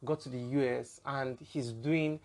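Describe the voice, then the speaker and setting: A man's voice: mid-range voice, fairly even intonation, unhurried, a little mellow. A man with a Nigerian accent hosting a casual podcast discussion, building his points through examples. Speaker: podcast host.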